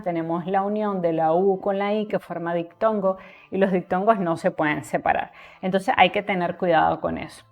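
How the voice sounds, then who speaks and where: A woman from Nicaragua who tutors Spanish writing, patiently explaining grammar rules in a lesson and repeating each one with lists of examples. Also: mid-range voice.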